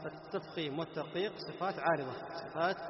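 A man's voice: on the high side, crowd noise. A man teaching a Quran recitation class, questioning his students and answering himself. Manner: chants Quran verses slowly as examples. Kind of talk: classroom lesson on tajweed. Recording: echoey hall, dull lo-fi, background noise.

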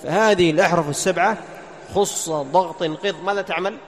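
Man, high voice, recitation teacher, asks and answers his own questions, long hall reverb. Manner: chants verses slowly as examples. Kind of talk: tajweed lesson explaining letter articulation. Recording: long hall reverb, faint background noise.

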